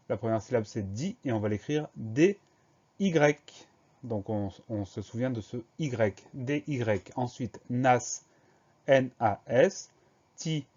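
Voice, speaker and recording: A man gives a spelling lesson for young pupils, breaking each word into syllables and spelling it letter by letter. His voice sits in a middle pitch with a mellow, relaxed tone. The recording sounds a little muffled and lo-fi. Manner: slow, careful letter-by-letter dictation. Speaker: teacher.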